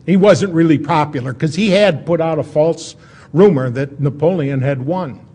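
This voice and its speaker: Man, slightly high voice, informal lecture style, storytelling, conversational, folksy, dramatic pauses. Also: warm tone, slightly rough.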